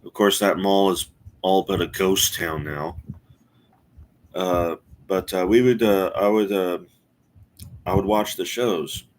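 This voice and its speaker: A man in his forties chatting casually on a live stream, rambling and halting with many fillers and restarts. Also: low-pitched, steady tone, a little hiss or hum. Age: 40s. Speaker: streamer host.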